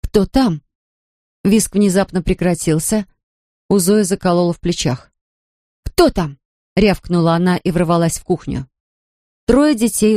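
A woman reads scripted audiobook narration in a measured, expressive storytelling style. Her pitch is fairly low, and the studio-quality recording has no room sound.

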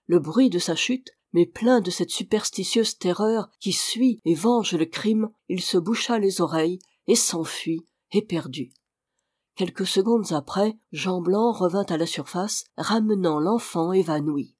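An audiobook reader with a middle-pitched voice tells a classic adventure novel at an even, measured pace. The recording is dry and close, with no room sound at all. The delivery stays steady throughout, as in scripted narration. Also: breathy edge, no room sound.

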